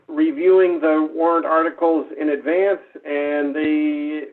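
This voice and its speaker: A man dialing in by phone to a meeting, explaining things in a measured way with occasional fillers, heard over the phone line. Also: fairly high pitch. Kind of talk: meeting discussion.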